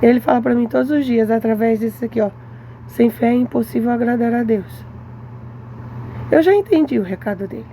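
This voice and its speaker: Brazilian woman, high gravelly voice, animated storyteller, devotional testimony, faint noise behind. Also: a little fast. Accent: Brazilian Portuguese. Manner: lively storytelling, acts out her mother's lines.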